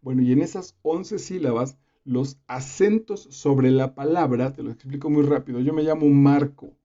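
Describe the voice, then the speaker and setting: A man's voice: mid-range voice, moderate pace, dark tone. A man explaining literary genres in a casual, conversational lesson, with fillers and asides to the viewer. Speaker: literature teacher. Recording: slightly dull lo-fi recording.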